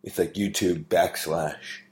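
Deep-voiced man, easygoing podcast host. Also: fairly even intonation, a little mellow. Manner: teasing, easygoing, halting with fillers and restarts. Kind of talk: casual chat.

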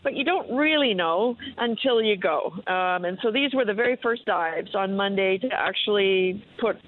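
A woman guest in a radio interview, calling in remotely and explaining things in a measured way as an expert. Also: medium pitch, lively intonation. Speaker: expert guest, explorer and diver. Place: on a dive boat, remote call. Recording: tinny, narrow phone line.

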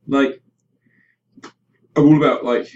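A man's voice: medium pitch, steady tone, takes it slowly, a little mellow, slight background noise. Opinionated male podcaster who rants casually and swears, captured muffled on a distant webcam mic. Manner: ranting, sweary, mimics others in mock quotes. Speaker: podcast host. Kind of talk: casual opinionated film chat. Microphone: webcam about five feet away.

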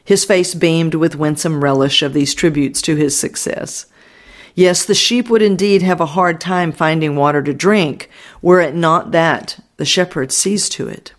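A man's voice: on the high side, unhurried. Man reading an audiobook with reverence. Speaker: audiobook reader. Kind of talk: audiobook narration.

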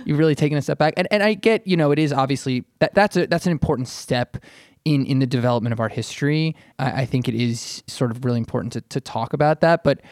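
A podcast panelist and arts writer talks through ideas in a casual discussion, halting and correcting himself as he goes and hedging constantly with "kind of." His voice is mid-range with a darkish tone, recorded dry and clean in a studio.

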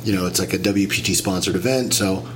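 A man recovering from a cold, sounding nasal and slightly whiny, talks through a story in casual chat and explains things step by step. His voice is low-pitched and he talks fast. A little hiss or hum sits under the recording.

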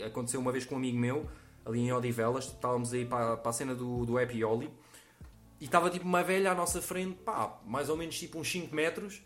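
This young man, 21, speaks European Portuguese with a Lisbon-area accent while telling a funny story as a comedian. His slangy, profanity-heavy delivery includes acted-out quotes, and his mid-range voice is a bit bright.

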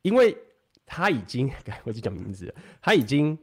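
A man talking fast and animatedly in a casual podcast chat, swearing now and then. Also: mid-range voice, big pitch swings, husky.

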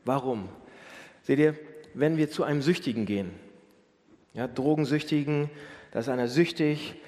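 A man preaching a sermon, asking rhetorical questions, repeating phrases and rising to near-shouts at his strongest points. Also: medium pitch, normal speed. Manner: animated, rising to near-shouts when voicing Jesus. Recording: long hall reverb.

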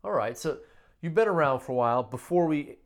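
A man's voice: a little high, animated, brisk. A man with a Wisconsin accent hosting a casual podcast interview, chatting informally and swearing freely. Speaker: podcast host. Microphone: online video call.

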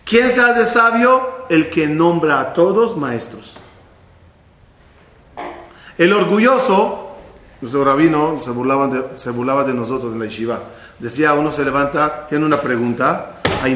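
A man's voice: fairly high pitch, moderate pace, echoey room. A man giving a Torah lesson in a storytelling way, acting out the people in his stories. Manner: animated, acts out voices in stories. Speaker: rabbi teaching.

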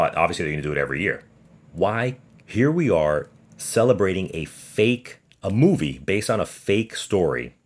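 A deep-voiced man hosts a sports podcast solo, speaking emphatically and sarcastically. He pushes his opinions with pointed rhetorical questions.

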